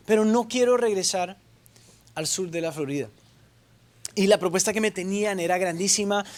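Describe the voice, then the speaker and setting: High-voiced man preaching a sermon. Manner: storytelling with playful asides and quoted dialogue. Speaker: pastor. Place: church stage.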